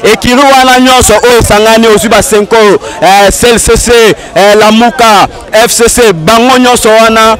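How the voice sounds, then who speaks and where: A man's voice: high-pitched, steady tone, moderate pace, few pauses, fairly bright tone. A man giving an earnest, insistent street interview outdoors in a city. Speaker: interviewee, party supporter.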